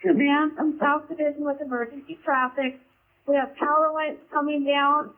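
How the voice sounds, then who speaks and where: A woman speaks in urgent firefighter radio style, her voice pitched high. The two-way radio makes it tinny and narrow. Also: fairly even intonation, moderate pace. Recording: tinny, narrow-band radio scanner feed.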